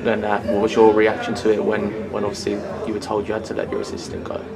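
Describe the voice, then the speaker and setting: Flat-voiced club interviewer. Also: male voice, on the low side, fast, over a noisy crowd. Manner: flat, hesitant questioning with fillers. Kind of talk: post-match interview questions.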